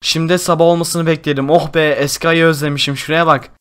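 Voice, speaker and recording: A young man hosting a Minecraft role-play, talking in an excitable, exclamatory way. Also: on the high side, fast talker, clear, resonant tone. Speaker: gaming YouTuber host.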